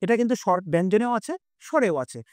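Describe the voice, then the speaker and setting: A man teaches an online class in a fairly high voice, going point by point and often restating or correcting himself. He sounds out vowels for his students. The sound is dry and close, with no room around it. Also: expressive, fast talker, a little mellow, clean tone, no echo. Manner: explains step by step, repeats and self-corrects. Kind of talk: online live class lecture.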